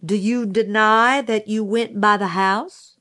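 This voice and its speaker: A woman voicing a stern, scornful male prosecutor, talking slowly and cuttingly. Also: medium pitch, steady tone, bright, forceful tone. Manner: slow, cutting, rising in outrage.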